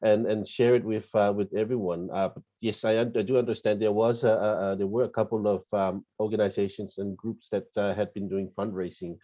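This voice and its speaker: A low-voiced man answers interview questions politely and haltingly, restarting as he searches for words. His delivery is flat and mellow, and the audio is dull. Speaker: interview guest, tourism representative.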